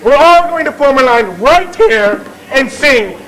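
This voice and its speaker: Man acting a high-voiced, pompous music hall chairman. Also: expressive, measured pace, a bit bright, full character voice. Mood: mock scolding. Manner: pompous, declamatory, bantering with the audience. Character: theatrical, bossy Victorian music hall chairman. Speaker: master of ceremonies. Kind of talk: comic stage musical narration. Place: theatre stage. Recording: noisy live theatre audience recording.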